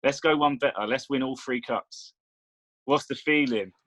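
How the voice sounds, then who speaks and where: A man's voice: mid-range voice, normal speed, fairly bright tone, dry recording, rough recording. A man, a meditation coach, explaining his ideas persuasively in casual conversation. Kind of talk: casual chat.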